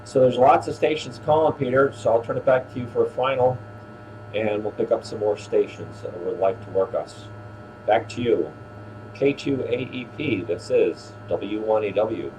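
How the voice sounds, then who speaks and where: A man's voice: mid-range voice, normal speed. An older man hosting a ham radio exchange in a casual, courteous way, using radio procedure words. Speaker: radio operator hosting an on-air rally. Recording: clearly noisy, steady hum.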